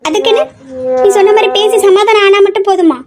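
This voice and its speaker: A woman's voice: very high voice, fairly even intonation, quick pace, a little mellow, faint music behind, voice pushed up. A woman voicing a playful young woman who teases her brother and his sweetheart. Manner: playful, mischievous teasing. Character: teasing young woman, the hero's sister. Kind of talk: amateur audio drama acting.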